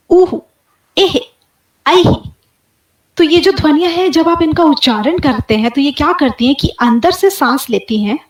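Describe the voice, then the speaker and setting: Clear-voiced woman teaching sound drills. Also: high-pitched, roomy sound, poor audio. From India. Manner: demonstrates sounds aloud, slow and clear. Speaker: guest lecturer. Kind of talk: webinar lecture.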